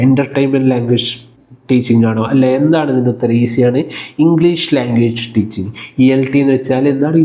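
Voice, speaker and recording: A man tutoring for a teaching exam, with a Malayali accent in his English. He works through each question step by step, asks himself rhetorical questions, reads the English questions out slowly and mixes English words into his Malayalam. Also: mid-range voice, mellow.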